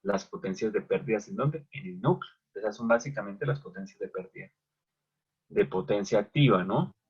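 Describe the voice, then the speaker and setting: A man's voice: lowish voice, animated, moderate pace, breathy edge. A man teaching an electrical machines class who keeps asking questions and answering them himself. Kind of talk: online lecture at a whiteboard. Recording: dull lo-fi recording.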